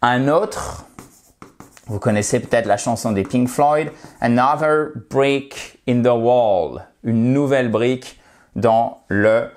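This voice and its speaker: Guy teaching english in a video lesson, slow and careful, leans hard on the stress in example phrases. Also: medium pitch, darkish tone. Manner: explains slowly, models English phrases with emphatic stress.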